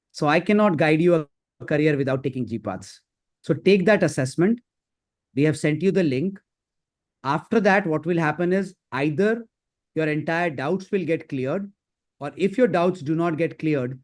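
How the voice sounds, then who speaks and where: A man with an Indian accent giving live career advice as a counsellor, in a brisk, instructive and emphatic manner. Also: a little high, darkish tone. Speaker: career counsellor hosting a session. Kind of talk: live advisory session.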